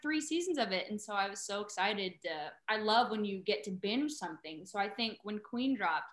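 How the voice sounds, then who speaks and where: A woman in her thirties, an actress guest telling stories in casual chat, animated and laughing often. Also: mid-range voice, roomy sound.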